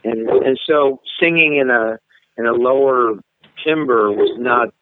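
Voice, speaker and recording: A middle-aged male singer speaks slowly in a mid-range voice during a casual phone interview, often hesitating and starting over. The line sounds dry and tinny.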